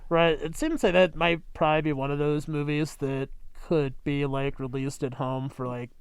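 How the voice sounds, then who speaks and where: Male co-host, a bit high, quick to laugh, dry mic. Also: little pitch movement, vocal fry, clean tone, dry recording. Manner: laughs a lot, quick reactions, makes puns. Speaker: guest co-host. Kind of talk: casual chat.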